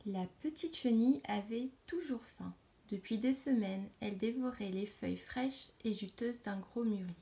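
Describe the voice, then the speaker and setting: Une femme qui lit un conte pour enfants à voix haute, d'un ton doux qui se fait parfois murmure. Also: female voice, a little high, normal speed, gravelly. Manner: gentle, dropping to a hush at bedtime moments. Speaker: storyteller. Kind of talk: reading a children's story aloud.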